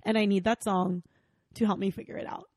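A woman's voice: mid-range voice, flat delivery, brisk, darkish tone, dry recording. A woman co-hosting a loose comedy podcast, giggly and playful, laughing often as she chats. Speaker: podcast co-host.

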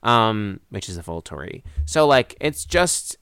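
A man's voice: lowish voice, sing-song, a little slow, fairly bright tone, smooth, no room sound, studio quality. A young man hosting a casual chat, talking dramatically, laughing often, and saying "like" a lot. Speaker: podcast host.

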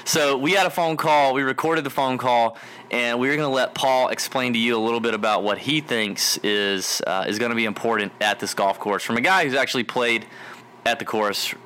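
A man hosting a casual podcast, telling a story in an animated way and laughing often. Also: mid-range voice, moderate pace, a little hiss or hum. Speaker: podcast host. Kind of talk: casual chat.

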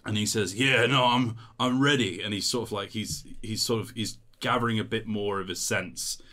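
Male game master with a low voice and casual, filler-heavy narration. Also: fairly even intonation, fairly quick, sharp tone.

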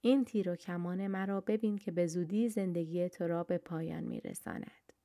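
Taunting hero warrior guy, woman reading him in a storybook, lowish voice. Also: vocal fry, warm tone, dry recording, clean studio sound. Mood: mocking. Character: mighty boastful male hero warrior, mocking.

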